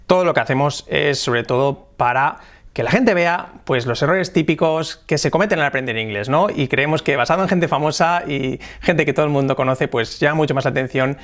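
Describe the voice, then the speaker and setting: A man with a Spain Spanish accent, teaching English pronunciation in a video lesson and slowly demonstrating English phrases. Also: fairly high pitch, fairly bright tone.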